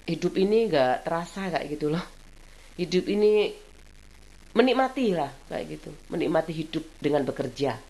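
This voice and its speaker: A middle-aged woman, chatting casually in a vlog, rambling and laughing often as she talks. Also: mid-range voice. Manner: rambling, frequent laughter, repeats "kayak gitu". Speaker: vlogger.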